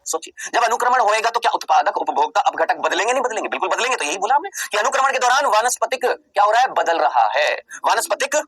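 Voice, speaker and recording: A man teaching a biology exam-prep lecture, who asks rhetorical questions and answers them himself, repeats key terms slowly for emphasis, and plays his students' replies. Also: sits high, expressive, a bit bright, husky, dry recording, rough recording.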